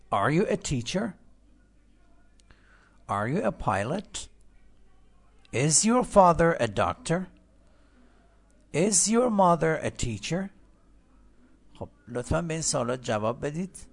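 A gravelly man teaching an English lesson, his pitch swinging widely as he jokes with his learners. He stretches out his English words slowly, then rattles along quickly when he explains in his own language. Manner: jokey and chatty with learners.

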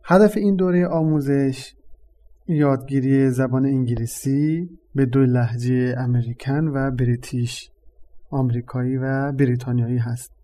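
Mellow, darker-toned man hosting a language lesson. He explains step by step in a measured, patient teaching voice at an ordinary pitch. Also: steady tone.

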